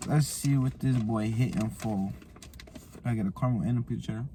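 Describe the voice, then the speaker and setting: A man's voice: mid-range voice, brisk, background noise. A man vlogging a food challenge in casual, slangy chat, laughing often.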